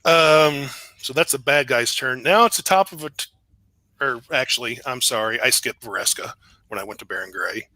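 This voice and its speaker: A man narrating a tabletop game as game master, relaxed and explanatory with frequent fillers. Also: mid-range voice, normal speed, dry recording.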